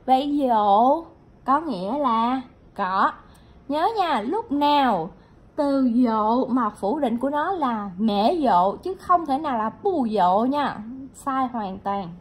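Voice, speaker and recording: Woman from Vietnam, vocabulary teacher; soft breathy voice, unhurried, repeats each word. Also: high-pitched. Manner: patient, repeats each word slowly, adds "ha" and "nha". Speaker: Chinese language teacher. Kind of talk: vocabulary lesson.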